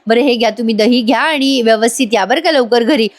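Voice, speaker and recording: A woman's voice: fairly high pitch, fairly quick, lightly acted. Woman voicing a kindly caring household man.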